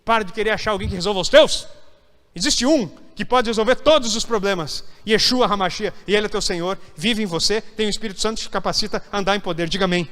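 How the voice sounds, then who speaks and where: High, bright-voiced pastor preaching. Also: male voice, fast. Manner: emphatic preaching, acts out whiny voices of church members. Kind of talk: sermon. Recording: hall reverb.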